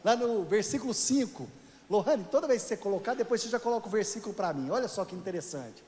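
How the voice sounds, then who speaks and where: Male pastor from Brazil, higher-pitched voice, chatty sermon style with asides to the congregation, echoey church sanctuary. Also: expressive, quick pace, a little mellow, slight background noise. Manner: conversational, joking with the congregation; addresses listeners as "querido".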